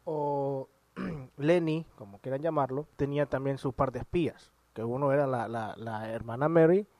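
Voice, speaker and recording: A man co-hosting a podcast, retelling scenes and arguing in an animated, casual way. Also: mid-range voice, moderate pace, dry recording. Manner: animated storytelling, argumentative. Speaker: podcast co-host. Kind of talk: casual chat.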